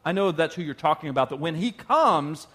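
A man's voice: on the high side, lively intonation, brisk, sharp tone. A man voicing a sassy, challenging Samaritan woman while preaching a sermon. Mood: insistent. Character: exasperated Samaritan woman at a well. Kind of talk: sermon storytelling.

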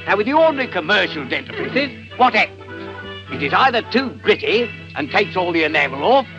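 A man's voice: high-pitched, very animated, brisk. An actor playing a glib, pushy British street salesman in an old 1930s film, delivering theatrical, patronizing toothpaste patter with mock-learned flourishes. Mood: pushy, smug. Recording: muffled old film soundtrack with music.

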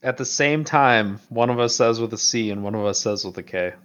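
A man's voice: medium pitch, fairly quick, a bit bright. A man player in a tabletop game who talks in dry, joking asides. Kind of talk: casual tabletop game chat.

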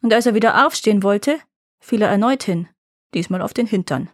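A woman podcast host calmly narrating a short legend in a measured, scripted reading. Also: mid-range voice, no room sound, clean studio sound. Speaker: podcast storyteller. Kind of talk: scripted fairy-tale narration.

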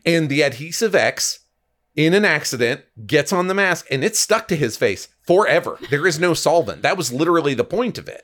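A man in his thirties chats through comic history on a podcast, his pitch bouncing around as he gets excited. He explains eagerly and swears freely. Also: a little fast. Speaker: podcast co-host. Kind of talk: casual chat about comics.

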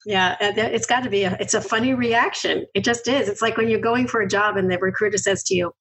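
Husky-voiced chatty woman host. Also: medium pitch, quick pace, low-quality recording. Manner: chatty storyteller, lively when surprised. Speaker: podcast host. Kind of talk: casual interview chat.

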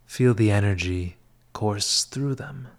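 Very slow, soft half-whispering male meditation guide. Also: fairly low pitch, vocal fry. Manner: soothing, measured, with long pauses between short phrases.

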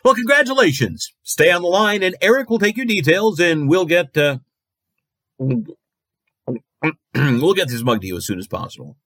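Eccentric radio host, swooping pitch. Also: male voice, very animated, moderate pace, long pauses, fairly bright tone, no echo, full character voice. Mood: deadpan presenting. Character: marooned eccentric male radio agony uncle, cranky, darkly comic. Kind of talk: scripted late-night radio show presenting.

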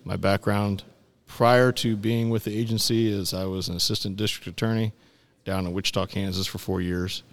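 Casting: middle-aged male interview guest, attorney type, lowish gravelly voice, conversational delivery. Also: fairly even intonation, normal speed, dry recording.

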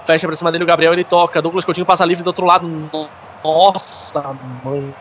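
A man's voice: sits high, completely flat delivery, racing, fairly bright tone, a little hiss or hum. A man with a Brazilian Portuguese accent calling a football match live, play by play.

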